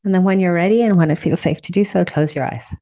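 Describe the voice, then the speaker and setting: A woman guides a meditation in a soothing, unhurried voice that sits on the low side, offering gentle instructions and leaving pauses between them.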